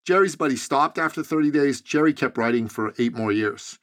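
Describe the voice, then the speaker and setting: A man from Iran hosting a casual podcast interview, easygoing and quick to laugh at himself. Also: mid-range voice, fairly bright tone. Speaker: podcast host.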